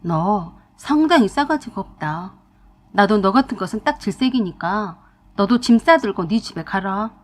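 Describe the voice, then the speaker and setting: A woman's voice: mid-range voice, lively intonation, normal speed, lightly acted. A woman voicing a weak-willed young husband who pleads and sulks in a storytelling narration. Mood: pleading.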